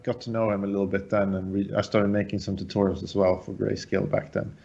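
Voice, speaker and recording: Brief: man in his 30s from Sweden, low voice, relaxed guest chat on a muffled lo-fi stream. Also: quick pace, vocal fry. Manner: relaxed, loose with fillers and restarts. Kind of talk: casual podcast chat.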